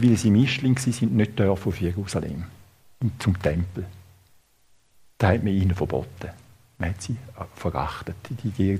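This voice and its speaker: A man with a Swiss German accent preaching a sermon, halting, with many fillers and restarts. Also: lowish voice, a little mellow, husky.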